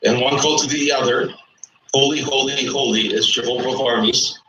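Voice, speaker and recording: A man debating on a live show, reading scripture slowly and answering defensively with stumbling restarts. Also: medium pitch, fairly even intonation, bright, forceful tone, recorded from a distance, slight background noise. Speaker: guest in a debate. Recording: echoey room.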